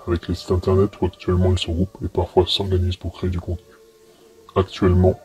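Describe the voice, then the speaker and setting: Low, husky, flat-toned man. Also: poor audio. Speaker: anti-paedocrime investigator being interviewed. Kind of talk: interview testimony.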